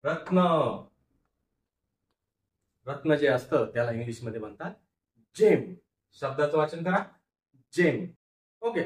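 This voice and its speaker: A male teacher with a Marathi accent giving a phonics reading lesson, drawing out syllables slowly and asking questions that he answers himself. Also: sits high, roomy sound, far from the mic. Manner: slow, drawn-out syllables, repeats and drills words.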